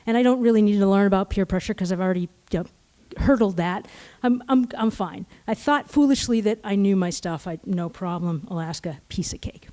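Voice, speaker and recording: A middle-aged woman telling a personal story live on stage, animated and self-mocking, acting out the dialogue. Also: medium pitch, brisk.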